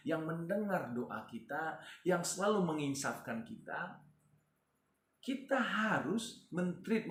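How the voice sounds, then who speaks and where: A male pastor preaching a sermon in a conversational way, often addressing his listeners directly. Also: mid-range voice. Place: church. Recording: echoey church room with faint ambient noise.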